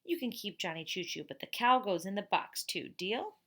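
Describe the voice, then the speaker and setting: A woman's voice: medium pitch, sing-song, normal speed, bright, forceful tone. Exasperated storybook mum, read by a woman, firm and no-nonsense. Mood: bargaining. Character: exasperated, firm mother of a young boy.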